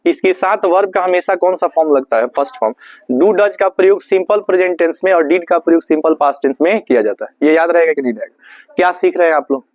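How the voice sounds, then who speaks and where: In a high voice with a darkish tone, an English teacher quizzes his class of students, posing questions and then answering them himself. He slows way down whenever he spells out English phrases. The classroom recording is dry.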